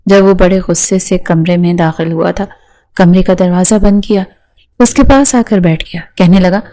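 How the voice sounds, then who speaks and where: A woman narrating a romance novel in steady storytelling style, voicing each character in turn. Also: on the low side. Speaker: audiobook narrator.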